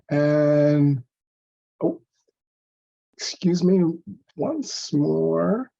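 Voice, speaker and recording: A man, a minister, giving a measured, formal historical tribute at a church service. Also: a little high, vocal fry, mellow, muffled recording. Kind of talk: church talk introducing a recording.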